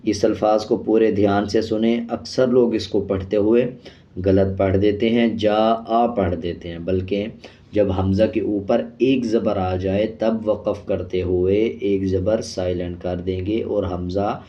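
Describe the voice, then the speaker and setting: A man teaching Quran reading, spelling out syllables very slowly with drawn-out sounds, then explaining the rules more quickly and quietly. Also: fairly low pitch, steady tone. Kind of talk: slow spelling-out lesson with drawn-out recitation. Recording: slightly dull lo-fi sound.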